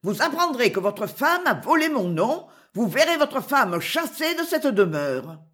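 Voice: medium pitch, very animated, a little slow, fairly bright tone, voice pushed up. A reader voicing an indignant young woman who speaks out vehemently in an audiobook. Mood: defiant. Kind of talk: audiobook character voice.

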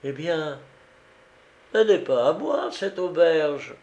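A man reading an audiobook voicing a nervous, hesitant noblewoman who owns an inn, raising his voice high. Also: lively intonation, takes it slowly, darkish tone, lo-fi sound. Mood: fretful. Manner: agitated, hesitant, high-strung. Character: fretful noble landlady, middle-aged woman.

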